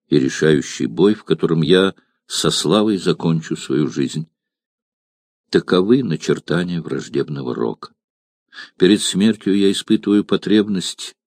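Doomed rebel leader saying goodbye, solemn and heartfelt, deep low voice, a man reading it out in an audiobook. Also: darkish tone, no room sound, exaggerated voice. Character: doomed rebel leader writing a farewell letter.

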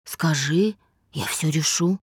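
A woman voicing a drunk, insistent young man on the phone, with a low, relaxed and slurring voice, in a dry recording. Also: moderate pace, no room sound, close to an everyday voice.

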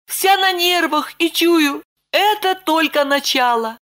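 A woman voicing an anxious, fretful young woman in an audiobook, speaking high and flustered. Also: slow pace, a bit bright, heavily acted. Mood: fretful, pleading. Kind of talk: audiobook character voice.

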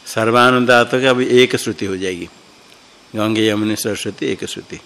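A man teaching Sanskrit grammar in a slow classroom explanation. He thinks aloud, often stopping to repeat and correct himself. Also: lowish voice, fairly bright tone.

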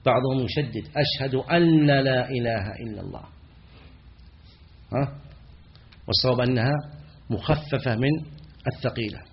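A man teaching as a sheikh in a lecture. He asks his students questions and answers them himself, and he chants the example phrases slowly. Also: mid-range voice, highs cut off. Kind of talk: classroom lecture on errors in the call to prayer.

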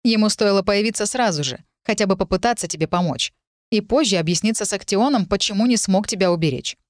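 A woman's voice: mid-range voice, quick pace, dry recording, clean studio sound, natural voice. A woman voicing a friendly but stern male fire-element warrior in a fantasy audiobook.

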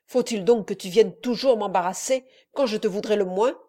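A woman's voice: medium pitch, normal speed, dark tone, close to an everyday voice. A woman doing a sly, guarded innkeeper. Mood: scheming. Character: wary, calculating male innkeeper, middle-aged.

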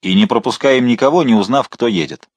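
A man playing a rough, threatening street guard who speaks loudly and gruffly. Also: medium pitch, fairly quick, no room sound, pitched above the performer's own voice, lightly acted.

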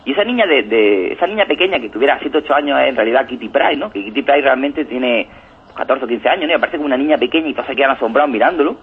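Excited guy rambling about comics, talks fast, sounds like an old phone line. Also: medium pitch, breathy edge. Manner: enthusiastic, rambling, keeps tagging "¿no?". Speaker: comics reviewer on a radio show. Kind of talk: casual radio chat. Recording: tinny phone-like radio audio.

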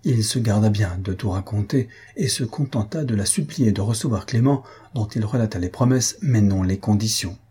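Husky man reading a literary audiobook. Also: on the low side, moderate pace, few pauses, dark tone. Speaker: audiobook narrator.

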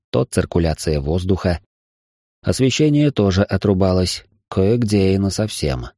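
A man narrating a science fiction audiobook in the first person, steady and measured. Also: deep voice, dry recording, studio quality.

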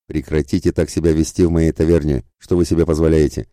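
A man's voice: very deep voice, little pitch movement, quick pace, dark tone, dry recording, clean studio sound. A man voicing an indignant innkeeper in an audiobook, protesting and outraged. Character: indignant middle-aged male innkeeper.

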